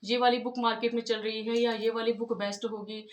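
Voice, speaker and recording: A woman's voice: a little high, little pitch movement, fairly quick, echoey room, slight background noise. A woman giving earnest, repetitive study advice to exam candidates, often saying she would like to tell them something. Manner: earnest, repeats "I'd like to tell you". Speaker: exam-prep tutor. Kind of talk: casual advice talk.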